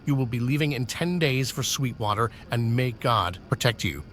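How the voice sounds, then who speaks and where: In a sci-fi audio drama, a man plays a stern senior officer barking clipped commands at a subordinate. His expressive, fairly bright voice sits in a middle register, close to an everyday voice, at normal speed over a faint hiss.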